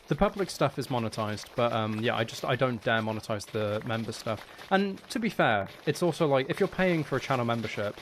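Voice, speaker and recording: A streamer and audio creator with a gravelly edge and medium pitch chats casually with viewers during a livestream as he plays a game. Amid slight background noise, he rambles, trails off and mutters to himself while thinking aloud.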